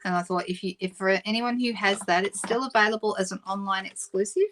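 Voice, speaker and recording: A woman's voice: mid-range voice, steady tone, fast talker, fairly bright tone, a little hiss or hum, low-quality recording. Chatty Australian woman hosting a craft livestream. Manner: chatty, reads out viewer comments, self-correcting. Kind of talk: casual live craft demonstration.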